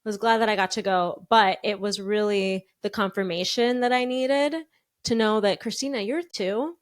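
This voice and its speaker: A woman's voice: mid-range voice, moderate pace. A woman from Wisconsin with an American accent, co-hosting a podcast and telling stories casually and expressively. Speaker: podcast co-host. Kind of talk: casual chat.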